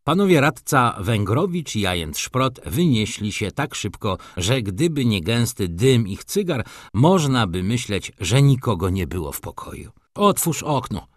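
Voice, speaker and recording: Expressive male audiobook narrator. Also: on the low side, a little slow, hardly any pauses, dry recording, clean studio sound. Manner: lively, expressive reading. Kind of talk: scripted narration.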